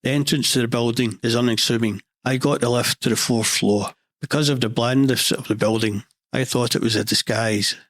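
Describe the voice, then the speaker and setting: A middle-aged Scottish man with a monotone delivery, hosting a scripted podcast monologue with dry, deadpan humour. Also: medium pitch, normal speed, few pauses, no echo. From Scotland. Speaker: podcast host.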